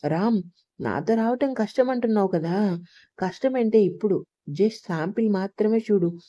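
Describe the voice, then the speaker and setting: A woman voicing a domineering, angry young husband in a story reading, in a mellow voice. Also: mid-range voice, normal speed, lo-fi sound, lightly acted. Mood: menacing. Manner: cold and threatening.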